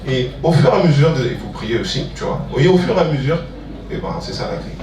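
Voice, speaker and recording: An Ivorian music producer and entrepreneur, guest speaking at a public talk, talks informally with slang and repeated phrases for emphasis. His voice is a little high, animated and fast. The roomy hall, distant mic and audience murmur make for a noisy background.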